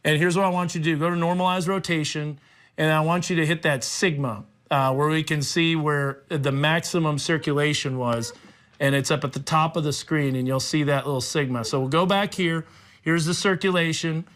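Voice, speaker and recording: Slightly high male voice, TV weatherman, unscripted live severe weather coverage, explanatory, directing crew. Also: fairly even intonation, normal speed, fairly bright tone. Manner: explanatory, giving instructions to crew as he goes. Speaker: TV meteorologist. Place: TV studio.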